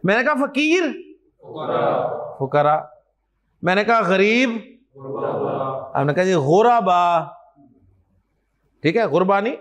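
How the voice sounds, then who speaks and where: A male teacher lecturing a class, drilling pairs of words with his students in call and response. His voice sits high and swings widely in pitch, and he keeps urging the class along. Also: very animated, measured pace, long pauses, fairly bright tone. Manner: encouraging, addresses students directly. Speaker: Arabic teacher.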